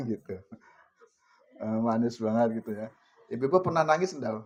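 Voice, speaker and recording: A man's voice: medium pitch, lively intonation, normal speed. A man giving an informal religious lecture, talking straight to his listeners and often laughing. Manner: chatty, addresses audience directly, laughs often, mixes Javanese words. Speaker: religious teacher. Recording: muffled lo-fi recording.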